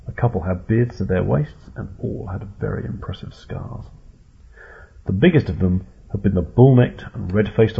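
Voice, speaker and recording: Guy reading a story, deep gravelly voice, really husky, sounds like over a phone. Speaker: narrator. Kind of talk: audiobook narration. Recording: tinny phone-like audio.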